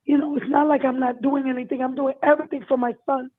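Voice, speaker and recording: Hoarse, high-voiced woman on a phone line. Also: little pitch movement, fast, dry recording. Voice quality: hoarse, raspy, voice giving out. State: losing her voice, distressed. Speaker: caller. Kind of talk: emotional personal account. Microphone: phone call. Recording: tinny, narrow phone-line sound.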